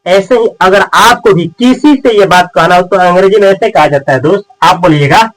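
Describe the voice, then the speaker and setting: A man teaching spoken English in Hindi who repeats each English sentence slowly and word by word, then translates it, and calls the viewer friend and brother. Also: sits high, a bit bright, poor audio. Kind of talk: Hindi-medium English lesson.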